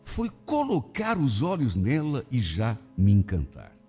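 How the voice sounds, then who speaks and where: Husky man reading a dramatic story. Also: medium pitch, huge pitch swings, a little slow, big-room sound. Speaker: radio host. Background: soft background music.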